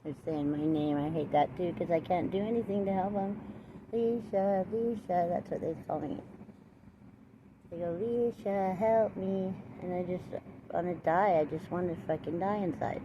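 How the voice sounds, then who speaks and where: A woman talking outdoors near a road in a rambling, agitated, insistent way, swearing often. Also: on the low side. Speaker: vlogger. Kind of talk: rambling casual monologue. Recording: muffled recording with loud traffic noise.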